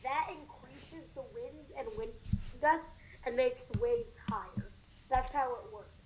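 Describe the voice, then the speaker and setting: Chatty, very high-voiced woman. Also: a little slow, background noise. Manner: rambling, chatty, many fillers. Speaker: co-host of storm livestream. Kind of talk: casual live weather chat.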